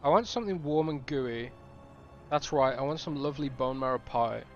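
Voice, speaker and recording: A man's voice: mid-range voice, moderate pace, highs cut off, faint music behind, close to an everyday voice. A man reading aloud the lines of a motherly female quest giver from a game, with relish. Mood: eager.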